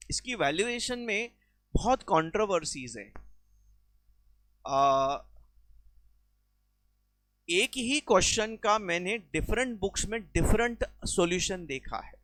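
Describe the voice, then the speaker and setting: A man's voice: very high-pitched, fairly bright tone, no room sound. A man teaching a recorded exam-prep lecture, explaining with everyday examples and mixing English terms into his speech.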